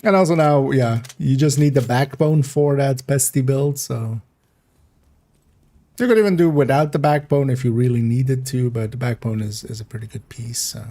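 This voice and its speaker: Relaxed, laughing male streamer. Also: mid-range voice, vocal fry. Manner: rambling and relaxed, laughs often. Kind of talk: casual gameplay livestream chat.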